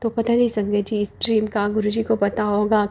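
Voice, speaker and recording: A woman in her forties telling a devotional story to listeners, slow and earnest, pausing often and addressing them respectfully. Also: medium pitch, flat delivery, vocal fry, mellow. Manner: slow, earnest, with frequent pauses. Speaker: devotee sharing experiences.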